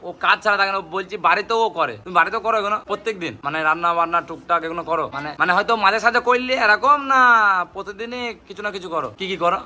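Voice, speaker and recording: A young man with a high, bright voice films a casual family vlog around his village home. He chats and teases, turning often to his viewers, with faint outdoor noise behind him. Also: racing. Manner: chatty, teasing, talks to viewers as guys. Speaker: vlogger.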